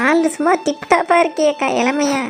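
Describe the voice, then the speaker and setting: A woman's voice: high voice, steady tone, a little fast, music in the background, close to an everyday voice. A woman voicing a chatty, teasing village friend in a cartoon. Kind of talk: cartoon voice acting.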